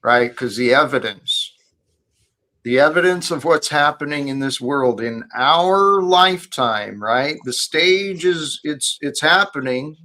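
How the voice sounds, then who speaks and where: A man's voice: fairly high pitch, animated, slow, sharp tone. A man hosting an earnest spiritual discussion in a preachy, emphatic way. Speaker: host of a faith discussion.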